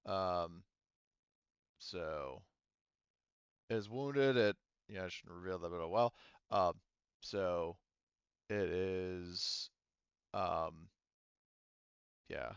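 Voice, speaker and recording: A man running a tabletop roleplaying game as game master explains the rules haltingly, thinking aloud as he goes. His voice is deep and clean, with no echo and the highs cut off.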